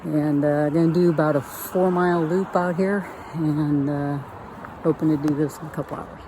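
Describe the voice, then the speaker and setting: Man, hiking vlogger, out of breath, slightly high voice, noisy outdoor camera audio. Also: steady tone, normal speed. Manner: breathing heavy while walking uphill. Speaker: hiker vlogger. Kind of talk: casual narration while hiking. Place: outdoors on a forest trail.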